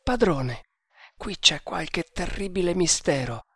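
A man voicing a frightened, loyal male servant in an audiobook reading, pleading in a high, shaky voice. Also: expressive, slow, fairly bright tone, slightly rough, no room sound, studio quality, exaggerated voice. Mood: fearful.

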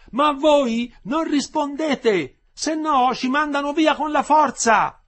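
A man putting on a desperate wife shouting to prisoners. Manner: shouting, strained and high.

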